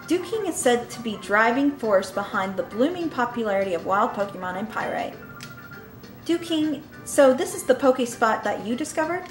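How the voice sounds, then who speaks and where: A chirpy female TV reporter, read aloud by a woman in an announcer style with a fairly high voice. It echoes in the room, with soft game music behind it. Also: animated, normal speed, natural voice. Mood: announcing.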